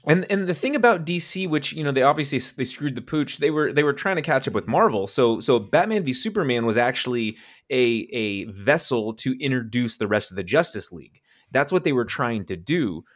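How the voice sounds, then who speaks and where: A man's voice: mid-range voice, animated, fairly quick. A man co-hosting a casual movie podcast, ranting with profanity and incredulous laughter. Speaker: podcast co-host.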